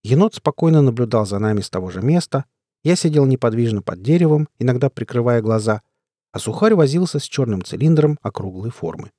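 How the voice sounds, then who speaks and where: A man narrating an audiobook in the first person, telling the story in a steady way. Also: medium pitch, fairly quick, no room sound, clean studio sound. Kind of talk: scripted narration.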